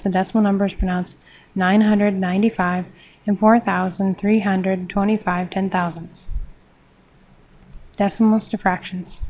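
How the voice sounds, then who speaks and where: A woman teaching a math lesson, reading textbook steps in a steady, measured way. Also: medium pitch, rough recording. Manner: steady, measured, step-by-step explanation.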